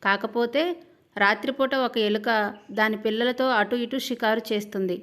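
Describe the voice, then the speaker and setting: A cool, sarcastic young husband with a slightly high voice, mocking his bride in an even, unhurried tone, as a woman reads him in her own voice. It is a storybook-style audio serial. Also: close to an everyday voice. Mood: teasing.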